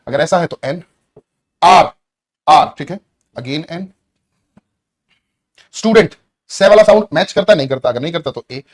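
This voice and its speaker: A man's voice: fairly high pitch, lively intonation, normal speed, long pauses. A man teaching a grammar class to students. He explains patiently, often asks the class questions, and. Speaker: English teacher.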